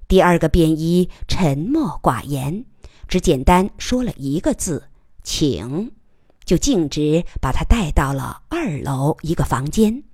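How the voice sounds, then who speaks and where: Slow, expressive woman narrator. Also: deep voice, breathy edge, no echo, studio quality. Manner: measured storytelling. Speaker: audiobook narrator. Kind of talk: scripted novel narration.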